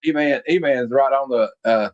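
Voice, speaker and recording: A man's voice: mid-range voice, normal speed, muffled recording. A man in his late forties hosting a casual chat, reminiscing at length with lots of fillers. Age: 40s. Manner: rambling, reminiscing with many fillers. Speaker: podcast host.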